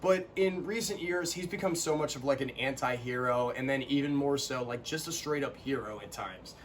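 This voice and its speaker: A young man co-hosting a casual chat, animated and quick to burst into quoted lines. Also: medium pitch, a little hiss or hum. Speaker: co-host.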